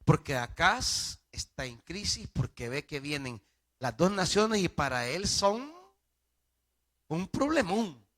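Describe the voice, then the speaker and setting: A Salvadoran pastor preaching a sermon in an emphatic style, swinging from loud peaks to soft, low drops. His voice sits high and sounds bright and clear, and he takes his words slowly. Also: sing-song. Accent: Salvadoran Spanish.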